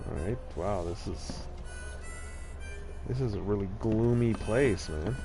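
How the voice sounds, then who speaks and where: Male game streamer: slow, rambling, informal commentary over background music. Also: lowish voice, animated. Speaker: video game live streamer. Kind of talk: casual gameplay commentary.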